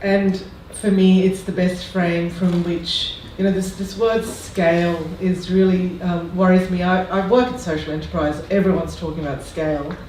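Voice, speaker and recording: A panelist speaking in a reflective, halting way on a discussion panel. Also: medium pitch, little pitch movement, darkish tone. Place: lecture room. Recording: very echoey room, distant mic, faint noise.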